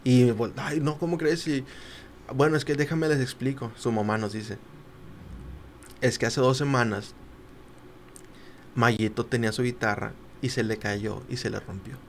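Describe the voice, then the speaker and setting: A young man, a podcast guest telling a personal story. He acts out the quoted voices and turns quiet at the emotional parts. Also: mid-range voice, steady tone, a little slow, long pauses, slight background noise. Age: young adult. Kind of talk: casual storytelling.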